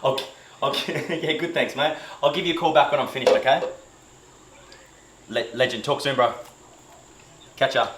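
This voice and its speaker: A man's voice: medium pitch, moderate pace, long pauses, a bit bright. A man cooking and chatting casually for a vlog, joking at himself and rambling with fillers. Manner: chatty, jokey, self-mocking, loose with fillers. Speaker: fitness vlogger doing meal prep. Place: home kitchen, indoors. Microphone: camera mic, filmed by a helper. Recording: roomy kitchen with faint cooking noise.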